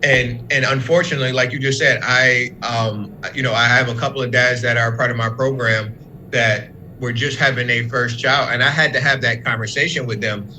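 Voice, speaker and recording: Young adult man, interview guest, earnest and explanatory, bright forward tone. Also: medium pitch, steady tone, brisk, slight background noise, rough recording. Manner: earnest, speaks in long run-on explanations. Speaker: fatherhood program worker, guest. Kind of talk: casual interview talk.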